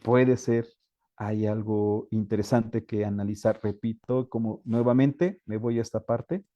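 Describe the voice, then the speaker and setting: Mellow-voiced man lecturing. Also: fairly low pitch, unhurried, dry recording. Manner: often checks in with the audience, with frequent hesitations. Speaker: teacher trainer. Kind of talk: explanatory lecture to teachers.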